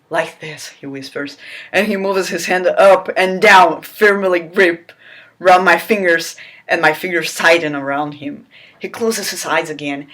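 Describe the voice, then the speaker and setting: Reading a novel aloud with mock drama, this woman has a lowish yet fairly bright voice. Her delivery is theatrical and incredulous, often interrupted by her own laughing commentary.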